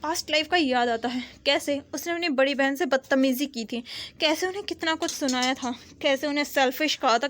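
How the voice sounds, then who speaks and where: High-voiced woman casually retelling a drama. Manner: chatty, mixes in English words, frequent restarts. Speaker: storyteller.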